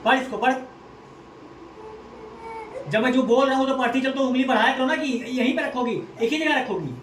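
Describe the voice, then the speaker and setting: A woman's voice: high voice, brisk. A woman tutoring a child at home, stern and impatient, repeating orders and spelling letters aloud. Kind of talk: scolding a child over reading. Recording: echoey room, far from mic, faint noise.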